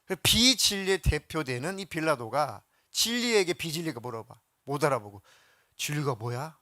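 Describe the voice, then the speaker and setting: Male pastor, sermon, higher voice, dramatizes quotes, dry close sound. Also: normal speed, no room sound. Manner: animated, acts out biblical quotes in voices; asks the congregation questions.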